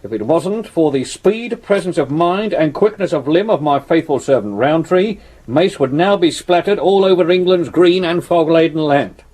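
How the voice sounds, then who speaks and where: A deferential sergeant who grumbles about hard benches. His voice is slightly high and husky, with lively rises and falls. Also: moderate pace, hardly any pauses. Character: humble police sergeant, grumbling. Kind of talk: 1970s radio drama acting.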